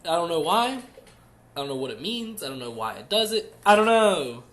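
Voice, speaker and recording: A young man chatting on a casual podcast, laying out opinions in long, rambling run-on sentences. His voice sits a little higher than most men's. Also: very animated, moderate pace, fairly bright tone. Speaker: podcast co-host.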